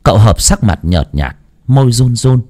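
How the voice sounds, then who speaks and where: A male storyteller narrates a dramatic tale with great expression. His pitch swings widely from line to line, stretching and pulling back for effect. His voice sits in a middle register. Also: very animated, normal speed, darkish tone.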